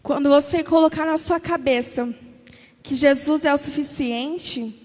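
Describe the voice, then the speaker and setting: Speaking in a church with a long reverb tail, a woman with a Brazilian Portuguese accent preaches a sermon. Her voice sits high and a little mellow, and she takes her time. She presses the congregation with emphatic, repeated questions.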